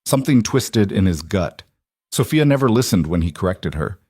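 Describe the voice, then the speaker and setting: A male narrator with a low voice reads a scripted story evenly and steadily. The recording is dry and close, with no room sound. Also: very animated, moderate pace, a little mellow, husky, no echo.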